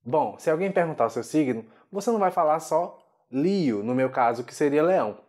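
A man giving a video English lesson, slowing down carefully to model each pronunciation. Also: fairly high pitch, animated, a little mellow. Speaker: English teacher.

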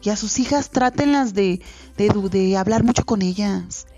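A woman's voice: mid-range voice, normal speed, dark tone, faint music behind. A woman with a Mexican accent hosting a radio show, talking casually and earnestly to parents, rambling with many fillers and restarts. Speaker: radio host. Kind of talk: casual radio monologue giving advice to parents. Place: radio studio.

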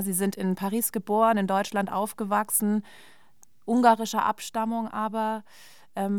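A woman's voice: medium pitch, smooth, dry recording, studio quality. A woman interviewing a guest, asking questions in a friendly, conversational way.

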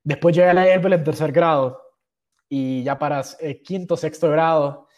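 A man's voice: a little high, fairly even intonation, normal speed, darkish tone, dull audio. A young man from Honduras with a Honduran accent, casually telling stories about his school years in a slangy, self-mocking way, dropping English words in. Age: young adult. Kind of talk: casual storytelling.

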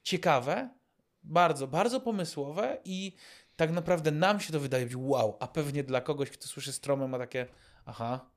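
A man's voice: a little high, normal speed. Hesitant man co-hosting casual chat. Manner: hesitant, many fillers and restarts. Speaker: podcast co-host.

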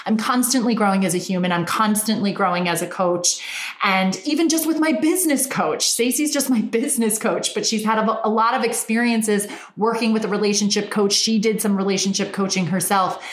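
A woman's voice: mid-range voice, brisk. Valley Girl woman, coach monologue, emphatic and chatty, roomy echo. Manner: chatty and emphatic, repeats words for stress. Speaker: relationship and business coach. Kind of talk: motivational monologue.

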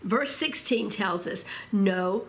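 Expressive woman preaching a sermon. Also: mid-range voice. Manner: expressive, slows for emphasis; asks rhetorical questions. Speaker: Bible teacher.

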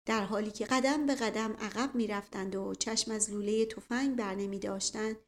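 A woman reading a first-person novel aloud in a steady storytelling manner. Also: mid-range voice. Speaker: audiobook reader.

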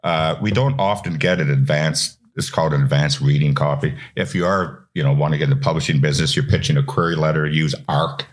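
A man's voice: extremely low pitch, fast talker, hardly any pauses. A man talking as a guest on a podcast about his publishing work, chatty, repeating and restarting words as he goes. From Canada. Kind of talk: casual podcast interview.

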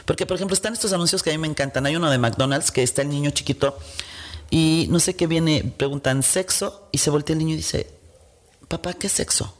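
A woman's voice: sits low, fast. A woman with a Mexican accent, a guest on a talk show, explaining earnestly and acting out quotes. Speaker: guest, head of a child welfare organization. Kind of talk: conversational interview.

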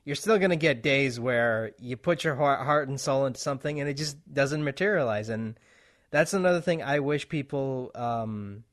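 A man's voice: mid-range voice, normal speed. Easygoing man hosting an interview. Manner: loose, rambling, lots of fillers, laughs often. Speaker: podcast host, interviewer. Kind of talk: casual interview chat.

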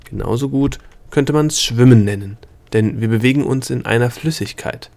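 A man voicing a snappish, lecturing male gnome guide in an audiobook reading, brisk and curt. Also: medium pitch, creaky, a little mellow, natural voice.

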